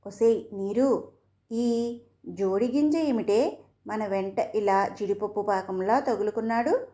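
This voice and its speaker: A woman's voice: medium pitch, slow pace, warm tone, natural voice. A woman voicing a proud young college girl who sneers at a classmate. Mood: mocking.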